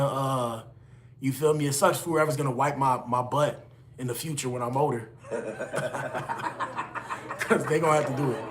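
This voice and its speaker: A young man in his late twenties talks casually on a live stream, rattling off shout-outs to his viewers. His delivery is loose and slangy, in a middle-pitched voice with a faint hiss of noise behind him. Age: 20s. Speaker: livestream host reading chat.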